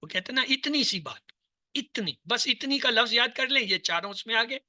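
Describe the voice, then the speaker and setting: High-voiced guy teaching an online class, goes slow and repeats every word, dry close sound. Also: expressive, bright, forceful tone, dry recording. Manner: drills word forms in slow repetition. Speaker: Arabic teacher.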